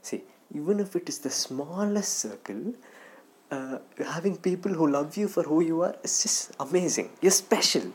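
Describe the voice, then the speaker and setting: Animated Indian English storytelling man. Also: fairly high pitch, normal speed. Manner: animated, acts out voices. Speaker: comedy vlogger. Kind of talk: storytelling stand-up monologue.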